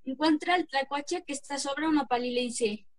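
A woman with a Mexican accent narrating a folk tale in a plain, slightly halting reading voice. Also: high-pitched, no echo. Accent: Mexican Spanish.

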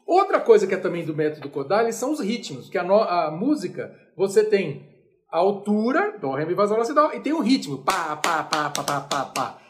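This Brazilian man, speaking with a Brazilian Portuguese accent, delivers a chatty, informal music lecture at a fairly quick clip. His voice sits high and is very animated, and he pokes fun at himself while singing note names aloud.

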